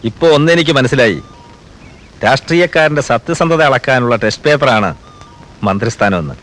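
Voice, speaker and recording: An actor playing a principled middle-aged chief minister in a film drama, speaking in a measured, earnest, reassuring way. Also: male voice, medium pitch, expressive, fairly bright tone, lightly acted, low-quality recording. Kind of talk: 1990s film drama dialogue.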